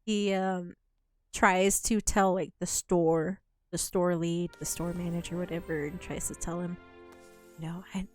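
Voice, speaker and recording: A woman's voice: fairly low pitch, flat delivery, unhurried, no echo, soft background music. A woman streaming a game from home, rambling casually and laughing often between thoughts. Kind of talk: casual gameplay commentary. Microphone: desk microphone with headphones.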